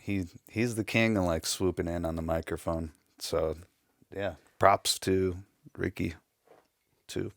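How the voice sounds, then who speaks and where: Deep gravelly man chatting casually. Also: fairly even intonation, measured pace, no room sound, studio quality. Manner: laughs often, easygoing. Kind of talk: casual podcast chat.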